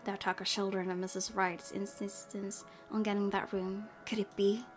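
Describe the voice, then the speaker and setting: Over guitar game music, a woman hosting a gaming video reads out visual novel narration and adds comments of her own. She speaks at a moderate pace in a medium-pitched, level tone.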